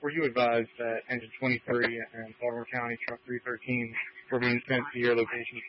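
A man's voice: mid-range voice, fairly quick. Man on a muffled dispatch radio. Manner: clipped, even, procedural. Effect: two-way radio transmission. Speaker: fire dispatcher. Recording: muffled radio with faint hum.

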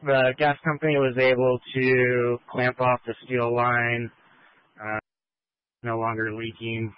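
A man's voice: mid-range voice, little pitch movement, slow pace, clean tone. A man, an emergency responder on scene, gives clipped procedural updates over a police radio. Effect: police radio transmission. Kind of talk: radio traffic report. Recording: tinny narrowband radio.

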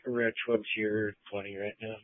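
A man's voice: on the low side, flat delivery, moderate pace, dry recording. A man talking over a walkie talkie, coordinating units in terse radio language with dry humor. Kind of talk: radio traffic. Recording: tinny, dry two-way radio.

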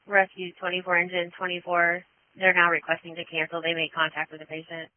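A man's voice: sits high, completely flat delivery, a little fast, no room sound. A man working as an emergency dispatcher, giving clipped, procedural calls heard over a two-way radio. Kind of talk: terse radio dispatch traffic. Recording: tinny dry radio transmission.

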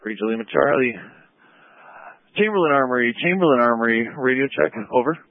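A man calls out radio checks over a two-way radio, his voice thin and phone-like. He is dry and close, and he works through each station in a steady, methodical way. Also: medium pitch, a little fast, no echo. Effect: heard over a two-way radio. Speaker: net control running radio checks. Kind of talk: formal radio procedure. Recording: narrow dry radio transmission.

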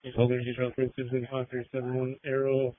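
A man's voice: mid-range voice, completely flat delivery, fast talker, no room sound. A man calling in clipped codes and addresses over a police radio channel. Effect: police radio transmission. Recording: narrow phone-like police radio.

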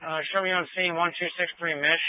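A man's voice: fairly high pitch, little pitch movement, fairly quick, dry recording. A man speaking over a two-way emergency radio, giving clipped call codes with hesitant fillers. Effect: two-way radio transmission. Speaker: emergency unit crew on radio. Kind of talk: radio traffic. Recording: tinny radio-band transmission.

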